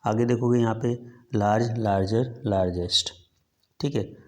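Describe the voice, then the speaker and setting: A man with an Indian accent teaching a grammar lesson with a sore throat. He reads English example sentences slowly, then explains them in Hindi with frequent fillers. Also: lowish voice, fairly even intonation, darkish tone.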